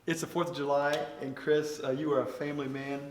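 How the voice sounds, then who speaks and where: An older man, a pastor hosting a church conversation, speaking softly and gently with frequent pauses and fillers, recorded in a church. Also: fairly high pitch, flat delivery. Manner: soft-spoken, gentle, halting with fillers. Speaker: pastor and host. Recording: echoey room with faint noise.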